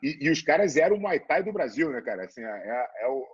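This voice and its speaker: A Brazilian man hosting a casual interview, chatty and relaxed, with lots of fillers. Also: medium pitch, brisk, slightly rough, no echo, dull audio. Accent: Brazilian Portuguese.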